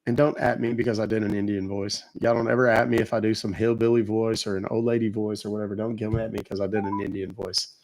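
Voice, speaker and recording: A man's voice: fairly low pitch, level tone, fast talker, darkish tone. A man hosting a scam-baiting livestream, chatting casually, thanking viewers and rambling through asides.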